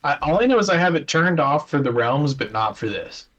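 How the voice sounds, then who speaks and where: A man's voice: a little high, animated, brisk, fairly bright tone, highs cut off. A man playing in an online tabletop game, chatting casually and teasing the others. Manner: teasing, joking. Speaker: player.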